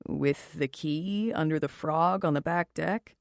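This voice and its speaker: A woman's voice: sits low, measured pace, vocal fry, no echo, clean studio sound, voice pushed down. Woman voicing a smirking, unbothered man. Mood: amused. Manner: teasing, nonchalant. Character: amused, unbothered naked male stranger. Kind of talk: audiobook character voice.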